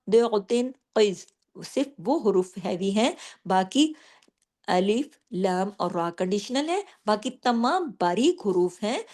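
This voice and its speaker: A woman teaching tajweed, explaining the rules patiently and slowing down to recite each example, often checking in with her listeners. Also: mid-range voice, dark tone. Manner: checks in often with "theek hai?".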